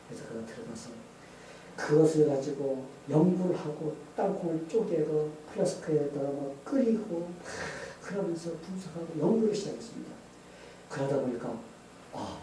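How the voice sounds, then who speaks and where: A man's voice: on the high side, dark tone. A male pastor preaching a sermon, telling a story with rhetorical questions to the congregation. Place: church sanctuary. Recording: echoey church hall, far mic, faint noise.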